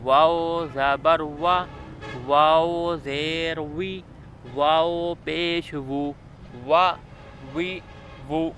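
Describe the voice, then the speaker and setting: A man teaching Quran reading, slowly chanting each letter with its vowel marks and then the sounds on their own. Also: a little high, fairly even intonation, a bit bright. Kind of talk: slow syllable drill with spoken summary.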